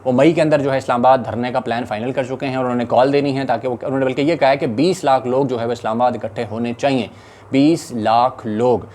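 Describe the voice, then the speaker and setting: A man with a Pakistani Urdu accent delivers rapid-fire political commentary. His tone is urgent and indignant, at a middle pitch. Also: fairly even intonation, a little mellow.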